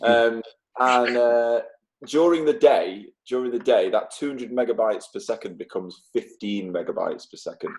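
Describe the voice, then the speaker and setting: A man's voice: medium pitch, normal speed, darkish tone, slight background noise, rough recording. A man in his mid-thirties from the UK, hosting a casual podcast chat with lots of swearing and laughter. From United Kingdom. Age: 30s. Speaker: podcast host.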